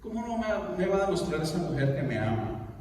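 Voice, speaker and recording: A man's voice: a little high, big pitch swings, quick pace, very noisy. A man in his forties, a pastor, telling a personal story in a sermon, acting out the voices he quotes. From Colombia. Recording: echoey hall, from far off.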